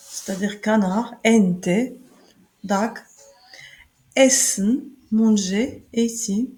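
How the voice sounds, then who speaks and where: A woman gives a German pronunciation lesson, explaining letters and words in a very slow, halting way, with fillers and restarts. Her voice sits at a middle pitch. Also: darkish tone, low-quality recording. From Morocco. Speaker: German teacher.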